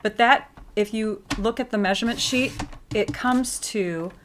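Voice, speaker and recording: A woman's voice: a little high, measured pace, slight background noise. Chatty woman teaching paper crafts. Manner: chatty, explains step by step with fillers. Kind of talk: casual craft tutorial.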